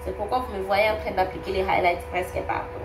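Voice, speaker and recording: Talking fast and flatly at medium pitch, a young beauty vlogger with a cold walks through a makeup tutorial. She's chatty, repeats words, and fills gaps often, captured in a noisy, roomy, distant home recording.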